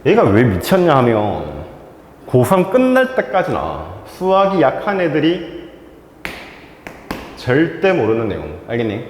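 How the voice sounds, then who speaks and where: A man's voice: mid-range voice, wildly swooping pitch, a little slow, pauses often. A male math teacher giving a whiteboard lecture to students, checking in with them constantly between steps. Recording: echoey classroom with faint noise.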